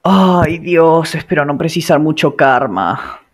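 A man, commentating his own gameplay, excitable and nervous, swearing often. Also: on the high side, slow. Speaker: gameplay streamer. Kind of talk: casual game commentary.

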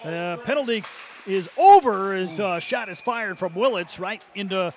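A man calls hockey play-by-play from an arena with a high, lifted voice. He rattles off names and passes at speed and bursts out when a goal goes in, with faint noise under the mic. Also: expressive. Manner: rapid play-calling, erupts on goals. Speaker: play-by-play announcer. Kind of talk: play-by-play sports commentary.

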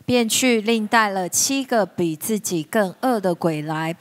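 A woman reading a scripture passage aloud in a slow, measured way, as part of a congregation. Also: mid-range voice, lively intonation.

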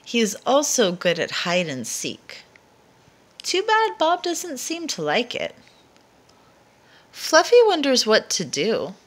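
An animated woman with a fairly high-pitched voice reads a children's storybook aloud as a storyteller. Her expressive narration is deliberate, with dramatic emphasis aimed at young listeners.

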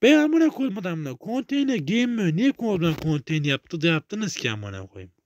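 A young man with a Turkish accent giving loose gameplay commentary, swearing freely and breaking into sudden loud outbursts. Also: sits high, sing-song, brisk, dry recording, muffled recording. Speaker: gaming YouTuber.

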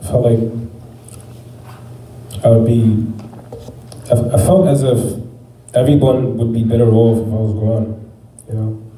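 A young man sharing a personal faith testimony, talking in a halting, reflective way with many fillers. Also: mid-range voice, little pitch movement, dark tone. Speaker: testimony speaker. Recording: echoey room, mic at a distance, faint background noise.

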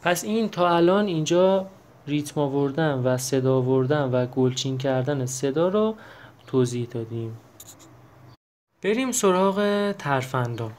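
Man explaining a keyboard, slightly high voice. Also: darkish tone, slight background noise. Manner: explains while pressing buttons, with many fillers and self-corrections. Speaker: keyboard teacher. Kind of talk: casual step-by-step tutorial.

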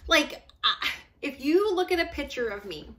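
A woman's voice: high-pitched, very animated, moderate pace, bright, forceful tone, a little hiss or hum. A woman in her forties, a fitness coach talking straight to the camera from a small room at home, chatty and emphatic, laughing often. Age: 40s. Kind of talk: casual direct-to-camera talk.

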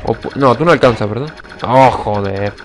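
A young man giving casual let's-play commentary, excitable and swearing, shouting when attacks miss. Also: medium pitch, normal speed, soft background music. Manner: excitable, swears a lot, sudden shouts at misses. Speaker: gaming channel host.

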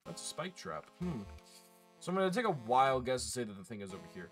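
A man's voice: medium pitch, sing-song, fast talker, faint music behind. A man casually chatting to his live chat while playing a game, swearing and laughing often. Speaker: streamer.

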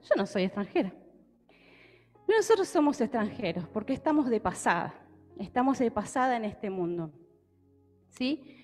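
A young woman from Argentina preaches a Bible-reading sermon in an Argentine Spanish accent on a handheld mic, often checking in with her listeners, in an indoor church hall with a stage. Her fairly high voice has big pitch swings and a darkish tone, at a moderate pace with long pauses. Soft background music plays, and the hall adds long reverb.

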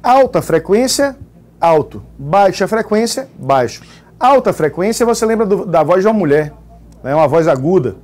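Brazilian man, high-pitched, joking co-presenter on a live physics class. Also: very animated, normal speed, a little mellow. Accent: Brazilian Portuguese. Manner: jokey, reads out audience towns. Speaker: co-teacher. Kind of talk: live exam-prep class broadcast.

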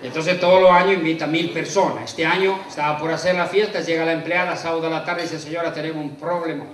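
A man's voice: on the high side, steady tone, fast talker. An Argentine man telling folksy rural jokes with country slang to a live audience from a stage. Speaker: comedian. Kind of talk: live rural stand-up storytelling. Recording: echoey hall with a distant mic, crowd and noise.

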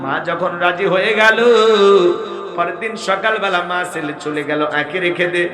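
A man's voice: high-pitched, moderate pace, over music. A man preaching a waz sermon to a crowd, telling a story in an emphatic, half-sung delivery. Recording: echoey loudspeaker sound with crowd.

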